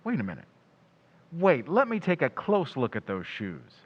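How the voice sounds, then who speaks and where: Guy playing a shrewd news photographer detective, casual but probing, lively pitch swings, old radio play, kinda dull sound. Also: moderate pace. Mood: probing, accusing. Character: shrewd, probing male newspaper crime photographer sleuth. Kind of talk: old-time radio drama acting.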